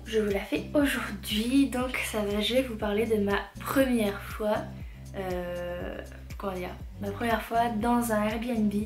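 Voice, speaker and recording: A young woman chats casually in an echoey room with music behind her. Her pitch sits in the middle, and a swollen tongue slightly impedes her speech. She rambles and corrects herself as she tells her story. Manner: halting, rambling, with repeated self-corrections. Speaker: vlogger telling a personal story. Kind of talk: casual storytelling chat to camera.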